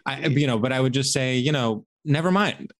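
A man hosting a podcast in casual comic chat, halting and circling in a mock-earnest way. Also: mid-range voice, steady tone. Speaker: podcast host.

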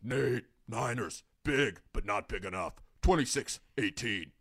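A man doing a gruff, grumbling sports dad. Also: fairly low pitch, measured pace, fairly bright tone, no echo, studio quality, full character voice. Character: grumpy middle-aged sports dad.

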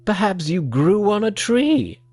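A storyteller voicing a stern old patriarch teacher who questions a new pupil, gruff and measured. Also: mid-range voice, sing-song, darkish tone, voice pushed up.

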